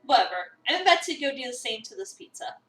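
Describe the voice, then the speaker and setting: A woman streamer reads a visual novel aloud expressively, acting out the lines and chatting casually in between. Her high, fairly bright voice swings widely in pitch at a quick pace. She's far from the mic, with a roomy echo.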